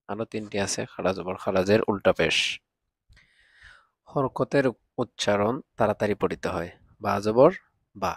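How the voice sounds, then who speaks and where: A man teaching Quran reading, drilling letter sounds slowly and patiently. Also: fairly low pitch, dry recording. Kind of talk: recitation lesson, spelling out letters.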